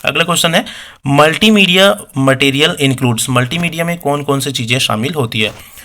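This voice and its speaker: In an exam-prep lesson, a man with a high, sharp voice reads English questions slowly. He then explains the answers conversationally, often tossing rhetorical questions to viewers.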